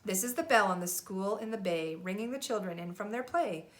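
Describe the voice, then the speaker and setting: A woman reading a children's picture book aloud as a mother would, with expressive storybook narration. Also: mid-range voice, brisk.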